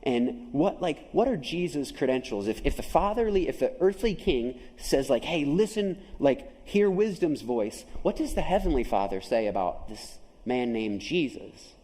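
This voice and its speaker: A man's voice: mid-range voice, big pitch swings, moderate pace, hardly any pauses, warm tone, big-room sound, poor audio. A man preaching a sermon as pastor, emphatic, often asking his listeners questions. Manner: emphatic, asks the audience questions. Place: chapel.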